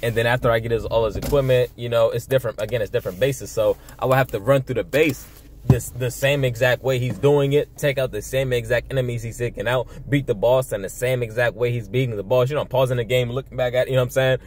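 Sitting in a parked car at night, a young adult man who makes religious video blogs preaches earnestly to camera on his phone, repeating himself and saying "you know" a lot. He talks fast in a medium-pitched, steady, slightly mellow voice, with a little hiss or hum on the recording.

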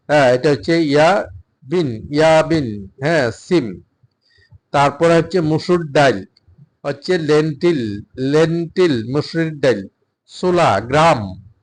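বয়স্ক পুরুষ শিক্ষক, একটু উঁচু গলা. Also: male voice, fairly high pitch, rough recording. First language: Bengali. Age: older. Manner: repeats words in slow drills. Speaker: English teacher. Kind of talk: vocabulary lesson.

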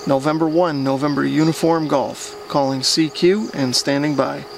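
A man calling CQ on ham radio from his home garage, spelling call signs in a slow, measured on-air manner. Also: on the high side, fairly even intonation, creaky, heavy background noise. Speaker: amateur radio operator.

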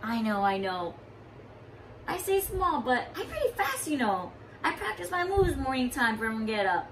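A woman voicing a small, eager, hardworking boy who speaks Hawaiian Pidgin in a high, soft, pleading voice. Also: big pitch swings, normal speed, distant mic, slight background noise, full character voice, poor audio. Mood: wistful.

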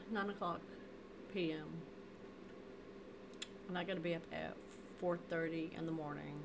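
A woman's voice: on the low side, measured pace, noisy background. A woman casually chatting to herself while playing a game, muttering her comments. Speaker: game player.

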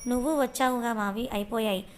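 A woman voicing a weary, slightly sulky middle-aged mother who speaks slowly and grumbles. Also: a little high, a little hiss or hum, close to an everyday voice.

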